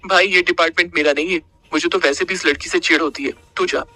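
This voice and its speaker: Man reading a nervous young guy, light and teasing, a touch higher. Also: steady tone, fast talker, sharp tone.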